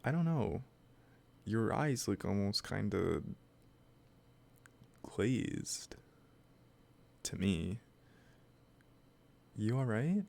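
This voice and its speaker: A man with a gravelly, low voice plays a lovesick, possessive kidnapper in a roleplay audio drama, speaking directly to the listener. His intonation is lively and he commits to a full character voice. Calm and soft-spoken, he coaxes slowly and hesitantly, sounding possessively sweet.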